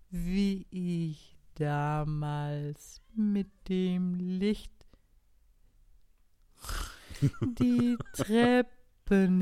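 A woman voicing a slow, kindly female snail in a storybook reading, stretching every word. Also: mid-range voice, warm tone, clean tone. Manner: drawn-out, sluggish speech.

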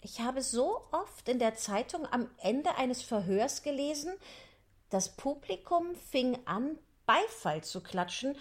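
A man voicing Alice, a polite little girl, in a high, breathy falsetto as he reads a story aloud. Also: heavily acted. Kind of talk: audiobook reading.

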